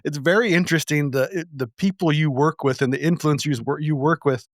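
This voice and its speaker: A man's voice: a little high, a little fast, dry recording, clean studio sound. A man hosting a casual podcast, talking loosely and profanely, rambling with restarts. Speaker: podcast host.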